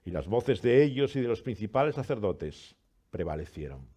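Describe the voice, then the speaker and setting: A man's voice: on the low side, very animated, moderate pace, mellow, husky. A man who reads a scripture passage with dramatic rises and falls, then preaches earnestly as pastor. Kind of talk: scripture reading and sermon.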